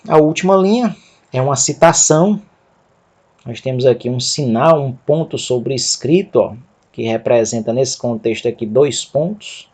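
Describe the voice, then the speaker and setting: A man teaching a Greek reading lesson, sounding out words slowly and repeating them syllable by syllable, with a Brazilian Portuguese accent. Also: medium pitch, warm tone. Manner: drawn-out, syllable-by-syllable pronunciation drills. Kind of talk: slow, careful reading lesson.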